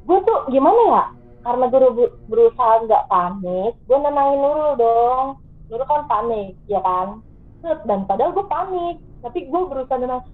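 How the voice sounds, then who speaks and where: High-voiced woman, animated storytelling, tinny phone-like sound, faint music. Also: moderate pace. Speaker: guest telling a ghost story. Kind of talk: casual storytelling.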